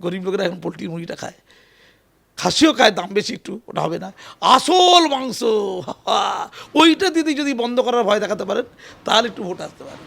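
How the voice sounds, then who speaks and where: A man giving an animated, emphatic political interview, often repeating his phrases. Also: high voice, fast, gravelly. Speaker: interview guest.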